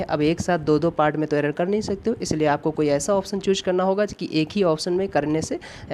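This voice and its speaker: A man teaching English grammar for exam preparation, asking himself questions, answering them, and reading example sentences very slowly. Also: on the high side, darkish tone, slight background noise. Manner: asks rhetorical questions and answers them, repeating key points. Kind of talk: classroom lecture explaining grammar questions.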